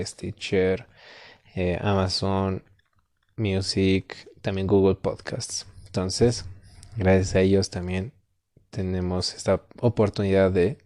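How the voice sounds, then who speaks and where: A man from Latin America hosting a Spanish-learning podcast as a tutor, speaking slowly and clearly, patiently repeating words for his learners. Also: deep voice, a little mellow, no echo, clean studio sound. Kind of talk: slow, clear teaching podcast.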